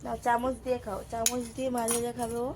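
A woman's voice: on the high side, monotone, quick pace, noisy background. A young woman vlogging casually from home and a metro train, chatting to viewers and her son. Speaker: vlogger and mother. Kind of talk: casual vlog narration.

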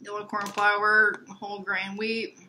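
A young woman talks casually and agreeably at home, often murmuring along. The home recording carries a steady, clearly audible hiss. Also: mid-range voice, slow. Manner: easygoing, agreeable, fills with "mm-hmm". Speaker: vlog co-host. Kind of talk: casual chat. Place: home kitchen.

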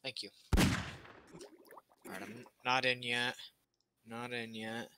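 A man in a casual gaming chat, talking fast and bossy with plenty of fillers. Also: medium pitch, steady tone. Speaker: gamer. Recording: noisy mic with clicking.

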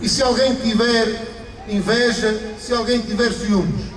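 Emphatic Portuguese mayor over an echoing PA. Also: male voice, high-pitched, steady tone, a little slow. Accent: European Portuguese. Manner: emphatic oratory with repeated phrases and rising stresses. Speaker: mayor giving a speech. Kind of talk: formal public speech. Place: outdoors under an awning at a ceremony. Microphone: stand microphone through a PA, filmed from afar. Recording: PA echo outdoors, distant camera, crowd.

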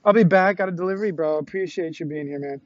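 A young man live-streaming outdoors on a college campus from a selfie stick, excitable and slangy, laughing often and swearing, out of breath and sweaty after push-ups. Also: fairly high pitch, fast talker, no room sound, lo-fi sound. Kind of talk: casual live-stream chat. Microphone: selfie stick tripod.

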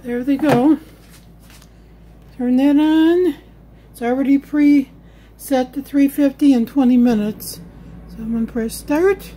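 A woman with a high-pitched yet dark-toned voice narrates her home cooking in a relaxed, friendly manner, with a little hiss or hum in the audio. As a home cook vlogger, she records this casual cook-along on a phone held in her kitchen while she works.

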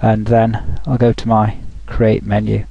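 A man talking through a software tutorial over a screen recording, thinking aloud with frequent restarts. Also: lowish voice, completely flat delivery, a little slow, gravelly, husky, no room sound, lo-fi sound.

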